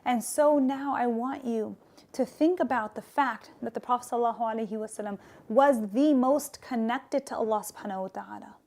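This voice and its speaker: An earnest woman with a high voice, speaking as a therapist on compassion in relationships. She talks with emphasis and keeps turning to her listeners with "right?". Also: brisk, darkish tone. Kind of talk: talk on relationships and faith.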